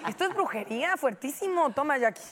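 A woman's voice: high voice, expressive, fast talker, over a noisy crowd, very noisy. A woman co-hosting a talk show, joking and teasing in casual chat.

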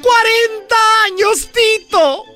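A man with a Mexican accent voicing a prisoner's sly wife in a shrill, high falsetto. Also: expressive, takes it slowly, sharp tone, soft background music, exaggerated voice. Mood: pleading, sly.

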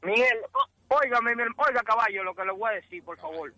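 A man's voice: very high voice, fast talker, gravelly, noisy background. A man, arguing angrily and swearing on a phone call. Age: 40s. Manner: indignant, swearing, pleading. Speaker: prank call target. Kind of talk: angry phone argument. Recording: tinny phone line.

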